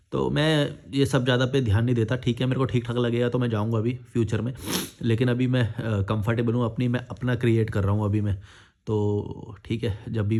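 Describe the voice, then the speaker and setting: A man's voice: medium pitch, darkish tone. A man casually reading out and answering viewer comments, blunt and scolding, mixing English words into his talk. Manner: blunt, scolding, speaks his mind frankly.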